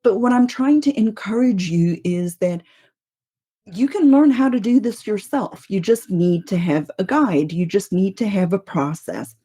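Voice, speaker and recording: A South African woman in her fifties hosts a teaching podcast in a mid-range, mellow, husky voice, expressive and unhurried. Her mixed international accent keeps faint South African traces, and she talks conversationally, posing rhetorical questions and checking in with "right?".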